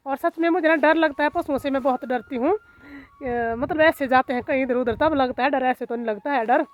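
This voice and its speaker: High-voiced chatty Himachali village woman. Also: fairly quick, muffled recording. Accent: Mandyali-tinged Hindi. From Himachal Pradesh, India. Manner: chatty, frequent fillers. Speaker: village vlogger. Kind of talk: casual vlog narration. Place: outdoors at a hillside village farm.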